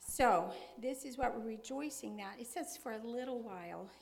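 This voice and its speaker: With a slightly high, creaky voice, a pastor's wife addresses her congregation earnestly and conversationally. Her informal sermon weaves in personal testimony, and she frequently pauses on fillers and gentle laughter.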